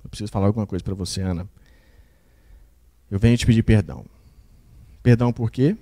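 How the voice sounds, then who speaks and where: A man voicing an ashamed older father who talks quietly and hesitantly, with a mellow tone. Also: on the low side, a little fast, natural voice. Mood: tearful confession.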